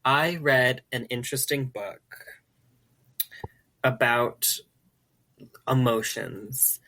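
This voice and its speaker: A man co-hosting a podcast, with a voice of ordinary middle pitch. He talks earnestly and sometimes slips into a lecturing tone. His delivery stays casual and unhurried. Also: sharp tone. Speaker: podcast co-host.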